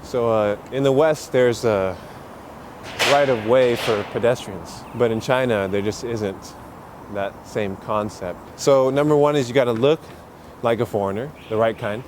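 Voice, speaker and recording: In an unhurried, mid-range voice, a man vlogs casually while strolling through busy city streets, explaining things as an English teacher and peppering his speech with "uh" and "you know." Faint traffic and street sounds can be heard.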